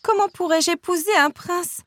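Lady doing a high eager teen girl in a storybook, all breathless and lovestruck. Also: moderate pace, fairly bright tone, dry recording. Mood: pleading. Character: joyful lovestruck sixteen-year-old girl.

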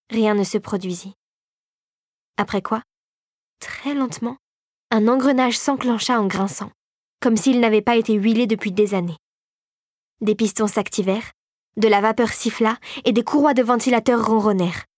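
An audiobook narrator, a woman with a mid-range voice, reads a scripted children's fantasy story in a steady, expressive storytelling style. The studio-quality recording has no room sound.

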